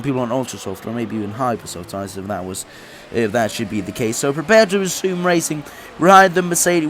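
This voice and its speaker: A young man with a fairly bright, higher-pitched voice says he's sick, and his voice sounds a little off. He's a gaming YouTuber chatting through a career race in his racing game, laughing often and restarting sentences, with a faint hiss or hum in the recording.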